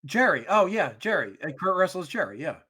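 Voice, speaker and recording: A man's voice: high-pitched, big pitch swings, brisk, pushed and bright, slightly rough. A man co-hosting a casual fan podcast about an old TV show, agreeable and hesitant, often repeating words. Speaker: podcast co-host.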